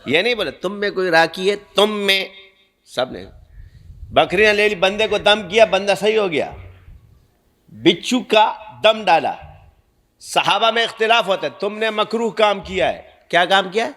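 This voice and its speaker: Emphatic male preacher, higher-pitched voice. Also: animated, pauses often, pushed and bright. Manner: rhetorical questions answered himself; scolding, emphatic. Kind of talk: sermon.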